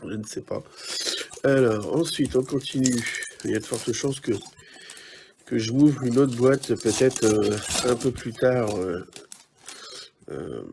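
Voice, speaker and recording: A man's voice: medium pitch, slow, creaky, long pauses, background noise. A man giving casual, chatty commentary while opening trading card packs, musing aloud with many hesitations.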